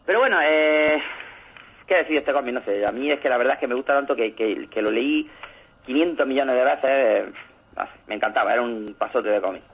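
A man co-hosting a radio show, casually retelling a comic with lively acted-out lines. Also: mid-range voice, brisk, breathy edge. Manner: animated storyteller, acts out comic scenes. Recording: lo-fi phone-like radio sound.

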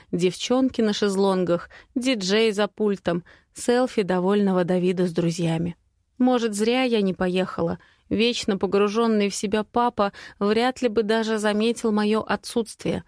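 A young woman reading a first-person audiobook with a steady, intimate voice. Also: medium pitch, dry recording, studio quality. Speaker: audiobook narrator.

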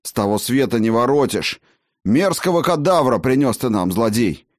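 A man voicing an angry, stern middle-aged craftsman who shouts commands in an audiobook. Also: medium pitch, expressive, moderate pace, dry recording, clean studio sound, pitched above the performer's own voice, natural voice. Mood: furious.

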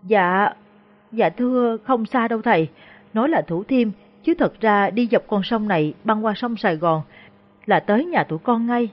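A woman's voice: medium pitch, normal speed, close to an everyday voice. A woman voicing a frightened, humble peasant woman who stammers deferentially. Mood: anxious pleading. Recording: dull lo-fi recording.

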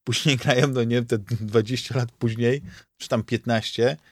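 A man talks casually on a podcast, circling his point through restarts and fillers. His voice sits in a middle pitch. The sound is dry and close, with no room around it. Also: steady tone, moderate pace, dry recording. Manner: rambling, many restarts and fillers. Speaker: podcast co-host. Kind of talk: casual chat.

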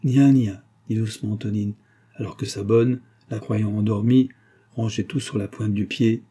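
Dark-voiced, husky male audiobook narrator. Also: lowish voice. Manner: measured and even storytelling. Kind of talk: audiobook reading.

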